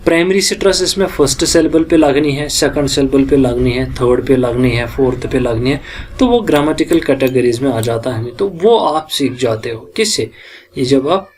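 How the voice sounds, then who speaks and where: Male lecturer, middle pitch, measured teaching delivery. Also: darkish tone, a little hiss or hum. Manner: mixes Hindi explanation with slowly read English lines. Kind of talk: recorded lecture.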